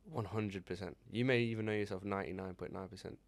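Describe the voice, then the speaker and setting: A podcast co-host in his twenties offers earnest, reflective advice in casual conversation, using fillers like "you know." He's a fast talker with a fairly low, creaky voice and fairly even intonation, recorded dry.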